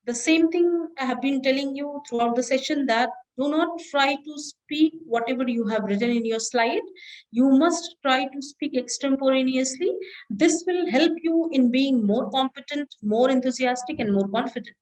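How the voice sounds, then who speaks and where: A woman, an associate professor giving a classroom lecture on presentation skills, checking in often with "all right?" and slowing down to stress key words. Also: high-pitched, darkish tone, rough recording. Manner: instructive, repeats "all right?" to check understanding.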